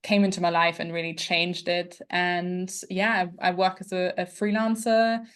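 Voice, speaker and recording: A woman from Austria with a light Austrian accent, hosting a podcast interview and speaking gently and thoughtfully with soft fillers. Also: lowish voice, flat delivery, moderate pace, smooth. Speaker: podcast host, yoga teacher and dietitian.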